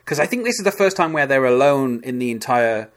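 Podcast guy, mid pitch, hesitant, lots of kind of and like. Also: animated, fairly quick. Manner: hesitant, many restarts and "kind of". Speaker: podcast co-host. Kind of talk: casual chat.

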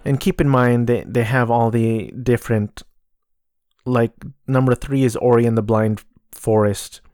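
A man talks casually on a solo podcast in a mid-pitched, dry, close voice. His delivery is flat and subdued, with noticeable vocal fry. He often hesitates and repeats words as he searches for what to say. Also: a little slow, dry recording. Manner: monotone, low-energy delivery. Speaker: podcast host. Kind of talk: casual solo podcast talk about video games.

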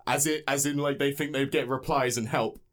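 A man's voice: mid-range voice, steady tone, fairly quick, a bit bright. A young man from England telling a story in casual chat, often breaking into laughter. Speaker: podcast co-host telling a story.

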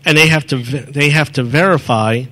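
A man with a medium-pitched, bright, forceful voice gives a live demo talk in a meeting room, speaking at a moderate pace into a handheld mic. He explains step by step, answers audience questions, and often corrects himself along the way.

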